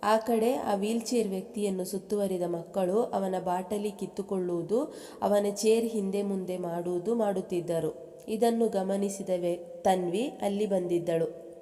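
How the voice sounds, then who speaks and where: A woman's voice: medium pitch, a little slow. A woman narrating a love story aloud, speaking the characters' quoted lines in her own voice. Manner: reads aloud at an even pace, dropping into the characters' speech for quotes. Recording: long reverb.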